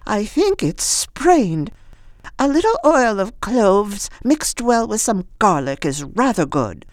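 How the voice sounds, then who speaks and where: A reader voicing an eccentric, cheerful, bossy very old woman in a high, fussing storybook voice. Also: big pitch swings, slow, dry recording. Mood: chirpy.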